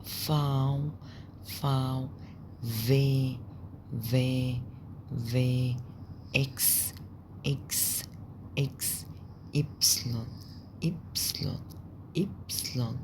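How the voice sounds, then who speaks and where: A woman with an Egyptian Arabic accent teaching German, slowly repeating each sound for learners. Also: rumbling low, a little mellow, a little hiss or hum. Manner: slow repetitive letter drilling. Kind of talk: spoken language lesson.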